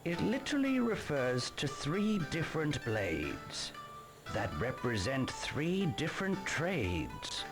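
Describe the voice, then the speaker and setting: A man's voice: fairly high pitch, huge pitch swings, music in the background, full character voice. An actor playing an older male shopkeeper who explains things in a dubbed video game. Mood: explaining. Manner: slow, explaining.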